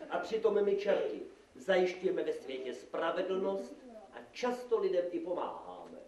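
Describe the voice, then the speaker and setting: A man's voice: high-pitched, sing-song, darkish tone. A man playing a jovial male devil who lectures people at a live puppet theater show, chuckling and playful. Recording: echoey room, from far off.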